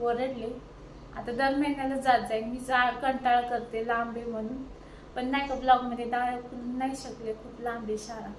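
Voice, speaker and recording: A chatty Indian vlogger, a woman in her thirties, holds her phone to film herself on her home terrace and then in a furniture shop, speaking directly to viewers and haggling loudly. Her pitch is fairly high and the room echoes. It's a noisy phone recording with traffic behind her.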